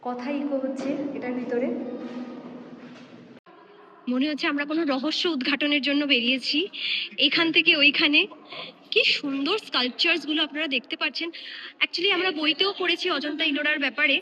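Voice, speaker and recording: A woman vlogging inside a rock-cut cave, her hushed, awed talk echoing off the stone walls. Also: high voice, fairly quick, long pauses. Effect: echo from inside a stone cave. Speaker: travel vlogger. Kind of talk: casual travel vlog narration. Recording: dull lo-fi sound with faint noise.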